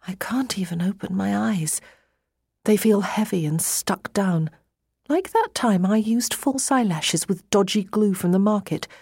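A woman playing a hungover, groggy young woman, self-mocking and bewildered, groaning and breathy in first-person audiobook narration. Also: medium pitch, darkish tone, dry recording, clean studio sound. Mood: groggy, straining.

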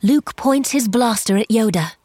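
A woman's voice: on the high side, expressive, moderate pace, dark tone, no echo. Woman narrator reading stage directions. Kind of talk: scripted narration.

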